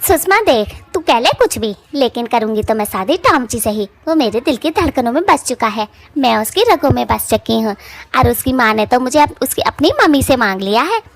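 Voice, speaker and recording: A woman's voice: a little high, lively intonation, brisk. A woman voicing a boastful, quarrelsome bald female witch in a cartoon story, with a mouthy, taunting village way of talking. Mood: dreamy boasting. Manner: mouthy village taunting speech, whiny when scared. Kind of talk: cartoon voice acting.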